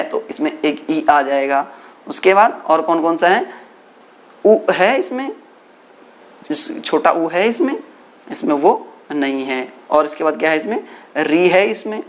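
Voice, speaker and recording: A man teaching a Sanskrit lesson in Hindi, asking his students questions and answering them himself, drawing out the letters slowly. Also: on the high side. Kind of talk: classroom lesson explaining exercises.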